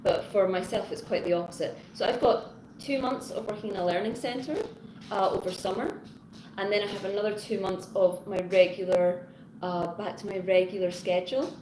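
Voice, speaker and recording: This teacher chats with viewers during a casual live stream from her Hong Kong home, recorded on the phone's front camera. She speaks at normal speed in a mid-range voice, wandering off topic, restarting sentences and calling out commenters by name. Echo and background noise fill the room.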